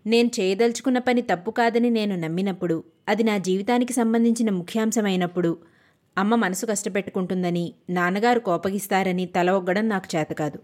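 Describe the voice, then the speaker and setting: Reading a novel aloud for an audiobook, a medium-pitched female narrator keeps her delivery steady, even and measured.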